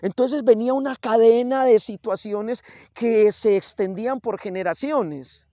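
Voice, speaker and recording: A man's voice: extremely high pitch, measured pace, mellow, no room sound, lo-fi sound. Male priest, reflective homily delivery, close dry recording. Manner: reflective, builds points through lists and repetition. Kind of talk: sermon.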